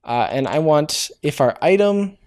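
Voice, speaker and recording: A man talks casually through a live-coding programming tutorial, thinking aloud, hesitating, and correcting himself with plenty of filler sounds. His voice is fairly high, expressive, a little slow, and slightly mellow.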